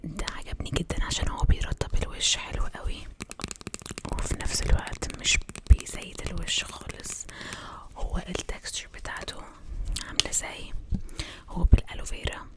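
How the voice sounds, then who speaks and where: A young Egyptian woman doing ASMR in an intimate, breathy whisper, mixing in English words and softly repeating words as triggers. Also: a little fast.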